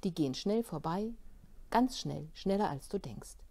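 A woman reading as a gently firm mother. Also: lowish voice, expressive, measured pace. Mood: reassuring. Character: patient, caring mother soothing her son.

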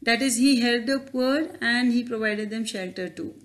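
A woman's voice: fairly high pitch, normal speed. A woman teacher, explaining grammar over slides in a careful, questioning way. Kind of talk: slide-based grammar lesson.

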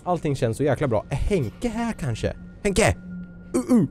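A man's voice: a little high, big pitch swings, darkish tone, faint music behind. A man doing casual let's play commentary, jokey and chatty, tossing in mock-English quips. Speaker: gaming video host.

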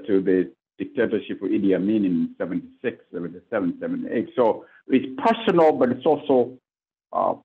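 This man, a Ugandan priest, has a voice on the low side with a breathy edge. He joins a conference panel via video call from a plain indoor room, talking earnestly through a list of points with fillers, and the webcam gives him a phone-quality sound.

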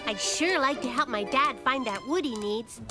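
A woman voicing Lulu, a quick-witted little girl in a cartoon, sly and cheery. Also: high voice, natural voice. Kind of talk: cartoon voice acting. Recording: cartoon with music behind.

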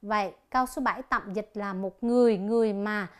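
A woman teaching an English lesson on television, slowly explaining each exercise and reading the answer options aloud. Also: mid-range voice, steady tone, clean tone.

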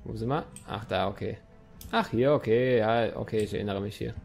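A man's voice: fairly low pitch, brisk, vocal fry, a little mellow, faint music behind. A young man commenting on his own gameplay in a chatty let's-play style, talking to the game and his viewers and swearing now and then. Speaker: gaming YouTuber.

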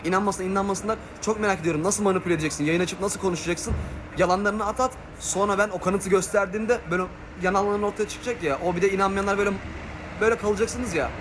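A man's voice: sits high, fairly even intonation, quick pace, noisy background. A young man streaming live, ranting angrily in a heated, emphatic way. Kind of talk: angry live stream rant.

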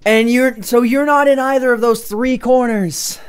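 A young man playing a minigame and chatting with a friend, excitable and self-mocking, tripping over restarts. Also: very high voice, moderate pace, clean tone. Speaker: gaming YouTuber playing a minigame. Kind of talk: casual gaming banter.

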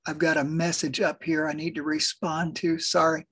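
A man leading a morning devotional, reading scripture aloud in a measured way with pauses. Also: fairly high pitch, completely flat delivery, bright, forceful tone, husky. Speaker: devotional leader.

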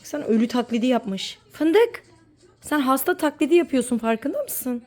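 A woman's voice: sits high, expressive, moderate pace, a little mellow. A mother talking playfully with her sick young son, coaxing and sing-song. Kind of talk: casual play with a child.

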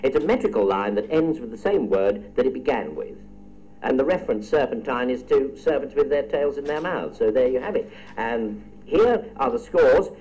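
A man's voice: mid-range voice, animated, normal speed, a little mellow, slight background noise, poor audio. A man hosting a radio quiz, reading questions and teasing contestants in chatty asides. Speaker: quiz show host.

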